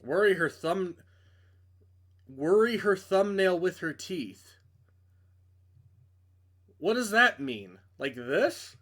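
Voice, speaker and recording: A man with a high, sing-song, slightly bright voice narrates a video game playthrough, taking it slowly with long pauses. He reads the story text aloud dramatically, then stumbles and breaks off for casual, blunt asides, like a game streamer.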